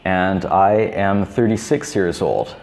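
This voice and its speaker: A man in his thirties teaching beginner English, repeating each simple phrase slowly and clearly. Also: deep voice, a little mellow. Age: 30s. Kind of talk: slow, repetitive teaching for beginners.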